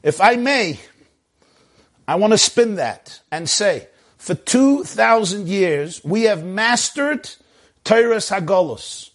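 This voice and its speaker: High-pitched rabbi. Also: male voice, expressive, slow pace. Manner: emphatic, rhetorical questions, peppered with Hebrew and Yiddish. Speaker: rabbi giving a talk. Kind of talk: animated sermon on a video call. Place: video call.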